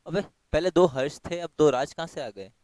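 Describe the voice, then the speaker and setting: Hoarse teacher with a clear, dry voice. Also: male voice, on the high side, a little mellow, no room sound, poor audio. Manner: reads questions slowly, explains quickly in mixed Hindi and English. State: sore throat, clearing it often. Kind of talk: online multiple-choice class. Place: home.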